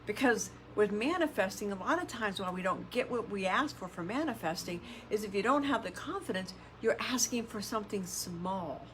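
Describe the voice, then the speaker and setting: Talking at normal speed with few pauses, a middle-aged self-help podcast host and coach gives an emphatic, conversational motivational talk, influencer-style. She keeps repeating phrases and asking rhetorical questions in an expressive, medium-pitched voice. A little hiss or hum can be heard.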